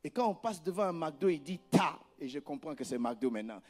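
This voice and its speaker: A pastor preaching a sermon, with emphatic rises and soft asides, often repeating words as he searches for phrasing. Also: a little high, very animated, quick pace, faint music behind.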